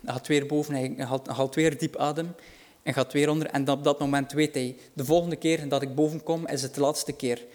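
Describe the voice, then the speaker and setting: Guy giving a sermon, earnest and reassuring, gets louder on the big lines. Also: fairly high pitch, steady tone, normal speed, hardly any pauses. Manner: earnest, reassuring, rises in volume for dramatic quotes. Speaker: preacher.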